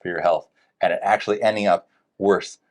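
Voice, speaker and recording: Deep-voiced man hosting an interview. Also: fairly quick. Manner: conversational, lively questioning. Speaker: podcast host. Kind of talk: interview questions.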